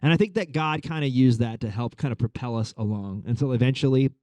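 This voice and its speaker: Pastor, thirties, male, from Long Island, chatty sermon delivery with fillers, warm dark voice, dry room. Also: mid-range voice, fast, dry recording. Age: 30s. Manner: conversational, frequent fillers like "like" and "uh". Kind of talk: sermon storytelling.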